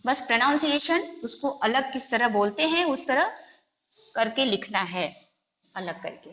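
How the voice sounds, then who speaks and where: With lively intonation and a sharp tone, this high-pitched woman teacher speaks unhurriedly, patiently breaking each word into its letters and vowel signs. There's echo in the room and faint noise in the background.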